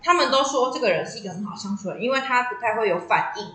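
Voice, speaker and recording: A woman, chatting casually and telling stories, animated, laughing often and acting out the voices of people she quotes. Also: on the high side, rapid-fire, echoey room, poor audio. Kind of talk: casual chat, storytelling.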